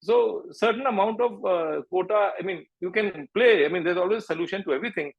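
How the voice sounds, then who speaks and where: Middle-aged male interview guest, Indian accent, notably high-pitched voice, arguing emphatically with the odd Hindi phrase. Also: brisk, creaky, dull audio. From Manipur, northeast India. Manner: emphatic, repeats points, slips into Hindi phrases. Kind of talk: impassioned political interview talk.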